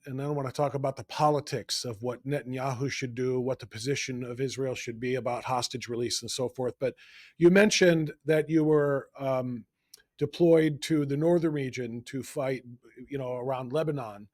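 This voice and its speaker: A man's voice: mid-range voice, moderate pace, darkish tone, no echo. Talkative male host, dry close sound. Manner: talkative, long winding questions. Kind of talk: interview questions.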